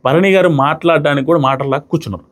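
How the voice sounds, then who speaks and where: A man giving a casual, animated review of a reality show, mixing English words into his talk. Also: fairly high pitch, quick pace. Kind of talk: casual commentary.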